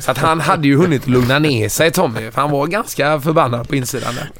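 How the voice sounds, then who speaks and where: A middle-aged man, a touring musician, telling anecdotes in a casual, animated way. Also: mid-range voice, a crowd in the background. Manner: animated, acts out quoted lines in a raised voice.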